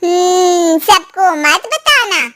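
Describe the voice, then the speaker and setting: A woman voicing a nosy middle-aged neighbour aunty who talks slowly and knowingly. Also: extremely high pitch, expressive, fairly bright tone, exaggerated voice. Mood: sly.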